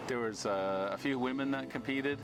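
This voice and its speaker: Against clear street and vehicle noise, an older man with a Canadian accent chats as an interview guest. He tells his stories in a rambling, folksy way at a middling pitch. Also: moderate pace. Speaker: town crier being interviewed. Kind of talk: casual interview, telling anecdotes.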